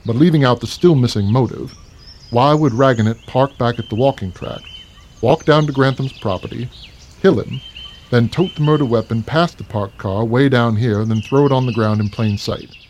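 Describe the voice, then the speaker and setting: A man voicing a gruff, wisecracking police officer who needles his friend. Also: mid-range voice, moderate pace, darkish tone, a little hiss or hum, close to an everyday voice. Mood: needling. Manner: dry, needling, complaining. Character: gruff, wisecracking middle-aged male cop.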